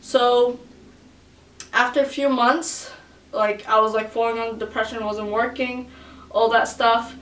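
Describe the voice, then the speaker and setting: Woman vlogger, casual storytelling, slightly high voice, echoey room, heard from a distance. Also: steady tone, a little slow, pauses often, fairly bright tone, a little hiss or hum. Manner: chatty, uses many fillers, acts out quoted voices in high shrieks.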